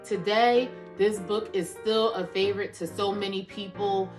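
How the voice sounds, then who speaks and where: Faint music plays behind this thirty-something woman as she opens a children's storytime with a chatty greeting to the kids watching. She speaks a little slowly, at a medium pitch with fairly even intonation and a slightly mellow tone.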